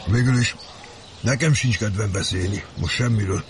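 A man's voice: fairly low pitch, noisy background, natural voice. A man playing a gloomy, blunt factory worker who talks coarsely about dead friends and his own health.

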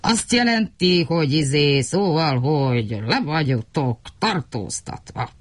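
A woman voicing a slow, muddled bear officer who mumbles and hesitates, in a storybook radio reading. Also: deep voice, lively intonation. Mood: fumbling.

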